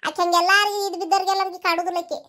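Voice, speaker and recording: A gossiping married woman from a cartoon village, with a North Karnataka Kannada accent, voiced by a performer. She speaks very high and very fast, spinning eerie local tales. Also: flat delivery, sharp tone. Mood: gossipy. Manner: rapid, gossipy storyteller. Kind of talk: cartoon comedy voice acting.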